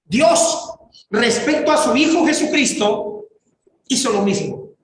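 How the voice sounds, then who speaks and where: A man preaching a sermon as pastor, fervent, building to raised, drawn-out exclamations. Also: very high voice, lively intonation, fairly bright tone, slight background noise. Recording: very echoey church hall.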